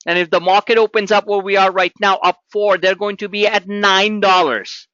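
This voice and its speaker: A middle-aged man hosting a trading webinar, talking in an animated, pushy salesman patter as he walks through charts. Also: high voice, normal speed, clean tone, no room sound, muffled recording. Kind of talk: live trading webinar talk.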